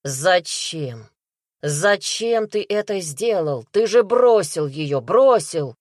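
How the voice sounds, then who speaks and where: A woman's voice: low voice, big pitch swings, unhurried, no echo, clean studio sound, full character voice. A woman reading an audiobook, voicing a male detective who interrogates a suspect in a harsh, barking manner. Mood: furious. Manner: harsh, barking, pressing questions. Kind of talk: audiobook character voice.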